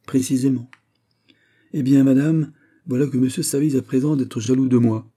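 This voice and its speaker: A man's voice: medium pitch, fairly even intonation, normal speed, warm tone, voice pushed up, natural voice. A man reading aloud and voicing an impassioned, jealous young king who pleads and bursts out. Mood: earnest. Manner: pleading, rising to outbursts.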